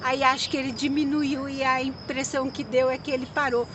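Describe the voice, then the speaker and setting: A woman's voice: high-pitched, level tone, brisk, highs cut off, noisy background. A woman vlogging casually from a phone on an open cable car outdoors, chatty, nervous and exclaiming. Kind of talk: casual vlog narration. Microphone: handheld phone.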